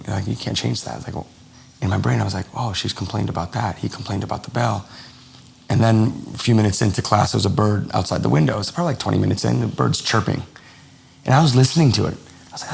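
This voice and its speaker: A man from the United States, a lifestyle coach on a podcast, telling his story in a casual, animated way and acting out quoted dialogue. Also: on the low side, vocal fry, slight background noise.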